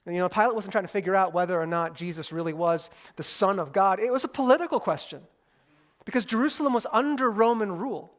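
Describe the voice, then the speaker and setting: A young man preaching a sermon, talking through scripture in a casual, animated way with playful asides. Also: sits high, fast talker. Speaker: pastor.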